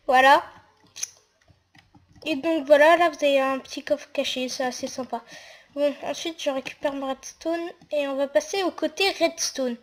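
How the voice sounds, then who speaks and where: A woman's voice: high voice, fairly even intonation, unhurried, long pauses. A woman talking through a casual game tutorial while she builds, hesitant and full of fillers. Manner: hesitant, narrates actions with fillers.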